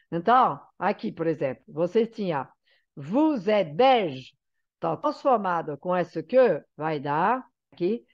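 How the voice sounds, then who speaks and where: A woman who is a teacher giving an online lesson, explaining patiently and often checking that her students follow. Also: medium pitch. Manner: explanatory, checks understanding with frequent "tá?". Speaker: French teacher. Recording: slightly dull lo-fi sound.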